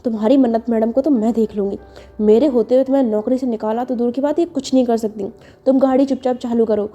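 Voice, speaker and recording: A woman's voice: a little high, steady tone, quick pace, warm tone, lo-fi sound, soft background music, close to an everyday voice. A woman voicing a bossy, protective young woman who gives orders in a scolding tone. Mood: commanding. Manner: commanding, scolding.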